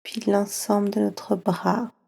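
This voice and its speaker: With a French accent and long pauses, a woman softly and soothingly leads a slow yoga nidra relaxation for children. Her mid-range voice is gravelly and husky, and her delivery is flat.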